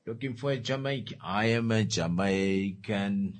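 A man leading a reflective talk, asking the listener slow, repeated questions about their beliefs. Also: lowish voice. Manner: repeats questions, slows for emphasis. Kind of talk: reflective talk with musical breaks.

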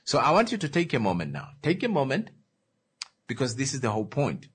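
A man leading a reflective talk, asking the listener slow, repeated questions about their beliefs. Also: mid-range voice, wildly swooping pitch, slightly rough. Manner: repeats questions, slows for emphasis. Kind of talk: reflective talk with musical breaks.

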